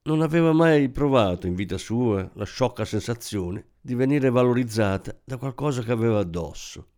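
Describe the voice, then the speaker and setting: A man narrating a novel aloud in an expressive storytelling manner. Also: mid-range voice, moderate pace. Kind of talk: scripted audiobook narration.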